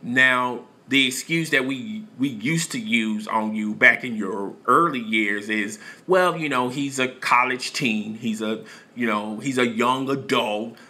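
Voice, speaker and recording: A man's voice: mid-range voice, a little slow, sharp tone. A man giving opinionated, lecturing commentary in a casual voice-over.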